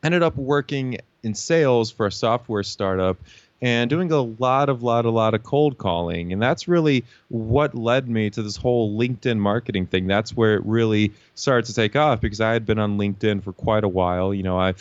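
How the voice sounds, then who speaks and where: A young man from Lithuania tells his story as an interview guest, confident and fluent, peppering his talk with "you know." His voice sits a little low. The recording is dry and somewhat dull, like a lo-fi line. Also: normal speed, no room sound. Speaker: guest, LinkedIn marketing consultant.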